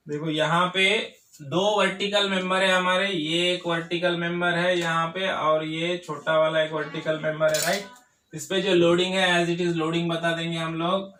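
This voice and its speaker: At a whiteboard, a male engineering tutor lectures by posing questions to his students and then answering them himself. His voice is high and bright, and the classroom is echoey.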